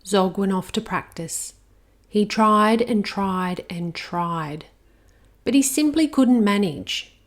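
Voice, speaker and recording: A woman reading a rhyming children's picture book aloud, expressive and even. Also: mid-range voice. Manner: slow, expressive rhymed reading. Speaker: storyteller.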